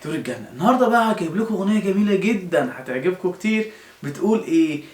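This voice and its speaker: A man's voice: high voice, expressive, very fast. A man with an Egyptian accent teaching young children, coaxing them with repeated questions and answers. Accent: Egyptian Arabic. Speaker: primary school teacher. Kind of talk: children's lesson. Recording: roomy echo.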